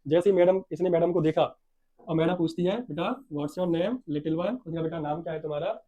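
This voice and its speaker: High-voiced male teacher, mellow tone. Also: rough recording. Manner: reads English lines slowly and loudly, then explains in quick, softer Hindi; acts out the story's characters in small bits. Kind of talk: Hindi lesson explaining an English story.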